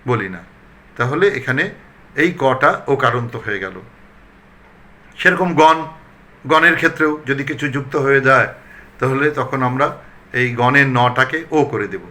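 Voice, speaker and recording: A man from Bangladesh, a recitation trainer, giving a pronunciation lesson and repeating example words slowly and deliberately. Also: medium pitch, animated, sharp tone.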